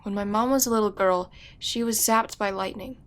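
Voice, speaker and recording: A woman's voice: medium pitch, moderate pace, lightly acted. A woman voicing a teenage girl heroine who speaks in an earnest, confiding way. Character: teen girl heroine, daughter of a superpowered mother. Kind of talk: fan voice acting for an animated game movie.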